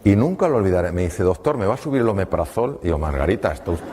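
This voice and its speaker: A middle-aged man speaks as a doctor telling a story to an audience, taking on the voices of both people with pauses. His voice sits a little low. The sound carries a long hall reverb over faint room noise. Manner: lively anecdotes, acts out dialogue with pauses. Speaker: doctor giving a talk.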